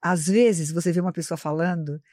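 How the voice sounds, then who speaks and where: In a brisk, mellow, fairly low voice, a woman who teaches marketing explains communication as a guest in a live studio interview. Her delivery is didactic and explanatory, she addresses the host by name, and the dry recording has studio quality.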